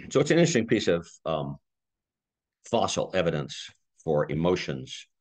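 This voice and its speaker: A man's voice: sits low, very animated, moderate pace. A man giving a conversational slide lecture, thinking aloud with restarts and small laughs. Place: community talk room.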